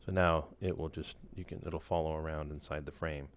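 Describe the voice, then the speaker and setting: Deep-voiced man giving a relaxed screen tutorial. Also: fairly quick. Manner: relaxed, loose, many fillers and restarts. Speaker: instructor. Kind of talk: casual screen-share tutorial.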